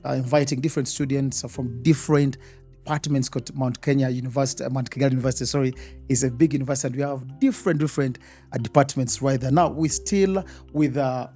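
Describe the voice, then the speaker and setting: A man's voice: mid-range voice, warm tone. A man with a Rwandan accent hosting a student podcast, full of "uh" and eager "wow" reactions. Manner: many fillers, eager reactions. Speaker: podcast host. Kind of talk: casual interview chat.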